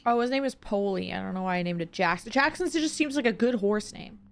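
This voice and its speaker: A young woman playing a game on stream, reacting excitably, swearing freely and reading the game's text aloud. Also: mid-range voice, a little fast, vocal fry. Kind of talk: casual let's-play commentary.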